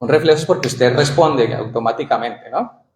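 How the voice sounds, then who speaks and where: A man's voice: medium pitch, moderate pace, darkish tone. Man preaching a sermon, rhetorical questions. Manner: reads scripture aloud with rising emphasis. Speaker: pastor. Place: church.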